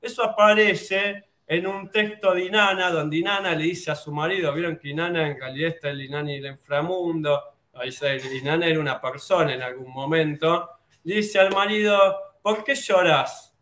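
A man's voice: a little high, brisk, sharp tone. Rambling Rioplatense man in an echoey room. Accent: Rioplatense Spanish. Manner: rambling, with many fillers and restarts. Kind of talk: casual explanatory talk.

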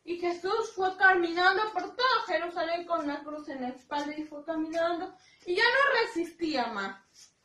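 A woman teacher telling a story slowly and expressively to young children, repeating each point in simple words. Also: very high-pitched, animated, bright, forceful tone, distant mic. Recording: roomy echo, voice from afar.

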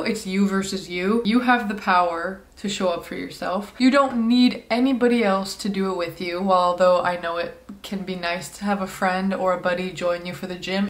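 A woman's voice: mid-range voice, echoey room. A woman in her twenties giving casual, encouraging gym tips for beginners, talking straight to the camera at close range. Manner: chatty, encouraging, says "literally" often. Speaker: fitness creator. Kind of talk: casual instructional vlog. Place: gym, then parked car, then bedroom.

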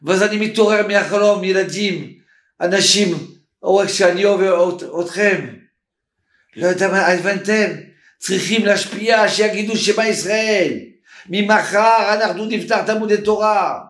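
A man preaching a sermon by telling stories in an animated way, acting out the voices and speaking directly to his listeners. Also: high-pitched. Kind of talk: sermon storytelling. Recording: echoey room with faint music.

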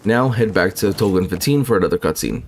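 A gaming guide narrator with a deep, expressive male voice reads a scripted video game walkthrough quickly, in a plain instructional way. Faint game ambience plays behind the voice-over, along with a little hiss or hum.

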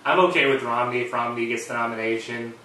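A man co-hosting a casual political talk show, calm and a bit hesitant. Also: medium pitch, fast talker. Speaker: co-host. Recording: echoey room, distant mic, faint noise.

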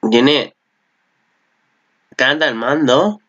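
A man's voice: mid-range voice, very slow, dull audio, a little hiss or hum. Swearing Spanish man reacting to anime. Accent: Spain Spanish. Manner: rambling, excitable, swears often. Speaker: anime commentator. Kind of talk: casual reaction commentary.

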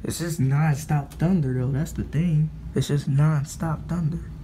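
A man's voice: fairly high pitch, fairly even intonation, measured pace, mellow, slight background noise. A young man from the United States, talking bluntly and with lots of profanity as he films a thunderstorm from his window. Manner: blunt and profane, scolding then muttering. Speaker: vlogger. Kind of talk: casual vlog commentary. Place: indoors at a window during a storm.

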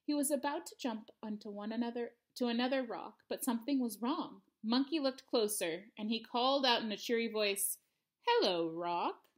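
A woman in her thirties reads a picture book aloud to children at home in her living room. Her fairly high voice moves fairly quickly with few pauses, and her reading is expressive.

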